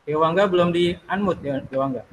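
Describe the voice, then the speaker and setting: A man's voice: fairly high pitch, moderate pace, a little hiss or hum, low-quality recording. A man teaching an online class over a video call, taking attendance and patiently coaxing students to unmute their mics.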